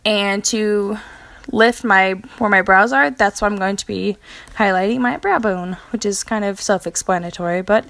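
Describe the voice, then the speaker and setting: A young woman talks through her makeup routine like she is chatting with a friend. She is casual and informal, slips in fillers, and corrects herself now and then. She has the hiccups, and her voice sits at an ordinary middle pitch. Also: normal speed, gravelly, a bit bright. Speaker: beauty vlogger. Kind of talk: casual makeup tutorial narration.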